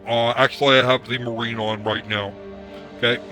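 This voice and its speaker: A hoarse man ranting casually on a live stream through a headset mic, his voice run through a voice changer, irritated and swearing as he repeats himself. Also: mid-range voice, little pitch movement, moderate pace, bright, forceful tone, faint music behind. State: hoarse from screaming. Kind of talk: ranting livestream commentary.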